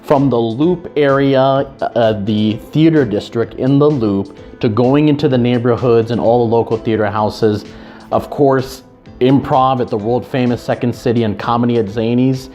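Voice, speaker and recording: Speaking to camera in a casual, earnest way, a real estate agent from Chicago frequently restarts his sentences and repeats words. He has a dark, mid-range voice at normal speed, recorded in slightly dull lo-fi sound with faint music underneath.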